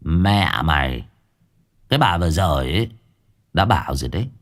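A cold, menacing exorcist master, as a male narrator puts him on, low and unhurried, sliding from sweet talk into threats. His pitch swings widely between quiet and sharp lines. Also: expressive. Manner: slow, threatening, mock-sweet.

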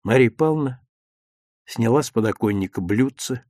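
A man narrating a children's story with lively, expressive delivery. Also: medium pitch, moderate pace, dry recording, clean studio sound.

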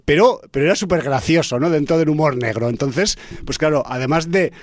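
A man, co-hosting a podcast, reminiscing in a relaxed, rambling way. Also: fairly high pitch, brisk, no room sound, clean studio sound. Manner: laid-back, chuckling listener turned reminiscer. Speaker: podcast co-host. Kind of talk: casual chat.

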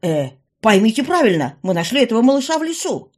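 A woman's voice: fairly high pitch, sing-song, fast, darkish tone, voice pushed up. A woman voicing a big, practical man in an audiobook, speaking in a matter-of-fact way. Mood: flustered. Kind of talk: audiobook character voice.

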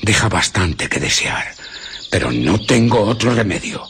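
An actor playing a menacing, domineering fugitive scientist who is invisible, speaking in threats and commands in a radio drama. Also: male voice, on the low side, sing-song, a little slow, creaky, fairly bright tone, soft background music, exaggerated voice. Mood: brooding.

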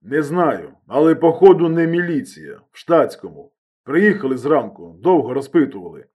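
A man's voice: fairly high pitch, very animated, normal speed, darkish tone, husky. A man voicing an agitated, injured man who talks bluntly and urgently on the phone, in an audiobook reading.

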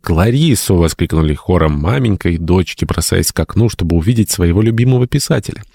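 A man narrates an old novel in a measured, storytelling manner. His voice sits very low and deep. The recording is dry and close, with no room sound. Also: vocal fry, dark tone, slightly rough, no echo. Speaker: audiobook narrator. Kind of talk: scripted narration.

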